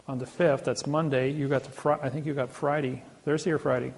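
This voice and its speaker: A man's voice: mid-range voice, little pitch movement, a little fast, creaky, darkish tone, husky. An older man giving a seminar talk, telling boastful stories with many restarts and false starts. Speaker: seminar speaker. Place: seminar room.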